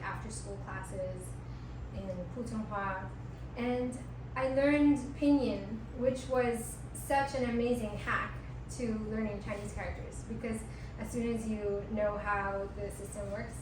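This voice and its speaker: A woman from Hong Kong teaching a workshop, chatting casually with lots of fillers like um and like. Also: on the high side. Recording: echoey room, far mic, audible noise.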